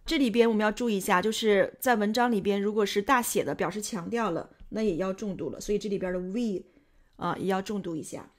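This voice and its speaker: A woman hosts a pronunciation lesson and walks through each rule methodically. Her voice sits at a middle pitch. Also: quick pace. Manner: methodical, step-by-step explanation. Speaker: host and pronunciation tutor.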